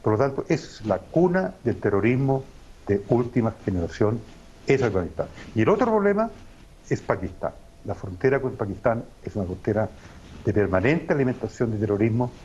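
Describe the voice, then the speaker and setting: A man's voice: lowish voice, very animated, brisk, a little mellow, husky, highs cut off. A man as a guest analyst, explaining in an emphatic, professorial way with frequent hesitations. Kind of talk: lecturing analysis on a talk show.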